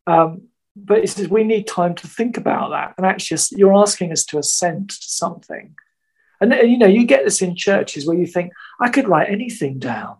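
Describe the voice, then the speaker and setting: A man's voice: high-pitched, animated, normal speed, darkish tone, slightly rough. A man in casual chat, reflective and anecdotal, recalling a church experience.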